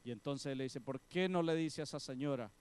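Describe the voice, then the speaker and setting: A man, a pastor preaching and telling a story, acting out the people in it in soft, hushed voices. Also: mid-range voice, fairly quick, clear, resonant tone, dry recording. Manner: animated storyteller, voicing the women in the story with soft, hushed tones. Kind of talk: sermon storytelling.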